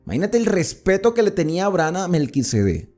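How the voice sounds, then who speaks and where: Speaking quickly in a high, sing-song, slightly mellow voice, a Venezuelan man gives an explanatory Bible study. His accent is from the area near the Colombian border. He keeps it conversational, posing questions, answering them himself, and repeating points to stress them, with faint music behind him.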